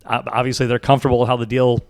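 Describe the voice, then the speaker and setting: A man's voice: medium pitch, level tone, rapid-fire, no room sound. Male podcast co-host, casual and rambling, repeats himself mid-thought; dry, close recording. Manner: rambling, repeats words as he thinks aloud.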